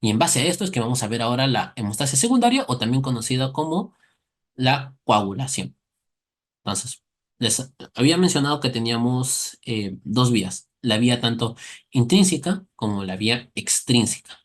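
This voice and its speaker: A male medical lecturer in a mid-range voice, explaining step by step to his students. He keeps posing quick questions and answering them himself, and livens the material with friendly, playful comparisons. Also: medium pitch, very animated. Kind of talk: recorded class explanation.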